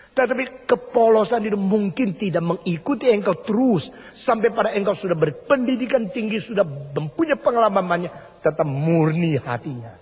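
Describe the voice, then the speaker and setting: Older male preacher, emphatic sermon, high husky voice, long hall reverb. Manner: emphatic, repeats phrases, mimics others.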